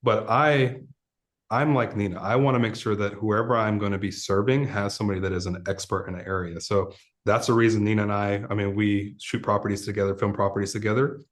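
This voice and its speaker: A man's voice: fairly low pitch, steady tone, a little fast. A man hosting a casual interview, upbeat and affirming with his guest. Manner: upbeat, affirming, short encouraging backchannels. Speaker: host.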